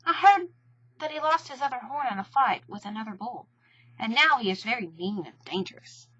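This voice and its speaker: Tiny anxious boy piglet acted by a woman, high, fretful, animated, loyal, storybook character. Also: brisk, husky, no room sound, highs cut off. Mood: worried. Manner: nervous, fretful. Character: small timid male piglet, anxious but loyal.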